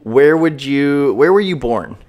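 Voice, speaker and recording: A man's voice: mid-range voice, animated, measured pace, a little mellow. A man hosting a casual podcast interview, upbeat and enthusiastic, with frequent fillers. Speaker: podcast host.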